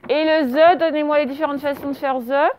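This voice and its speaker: During a dictation lesson, a primary school teacher spells words one letter at a time and tests her class, praising correct answers. Her voice sits high and is fairly quick, steady in tone and a little mellow.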